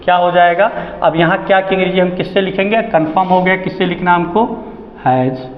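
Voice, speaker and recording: A man teaching an English grammar lesson, asking the class questions and answering them himself, drawing out key words slowly. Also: high voice, slight background noise. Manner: slow and deliberate, stretching out key words. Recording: echoey, dull lo-fi classroom recording.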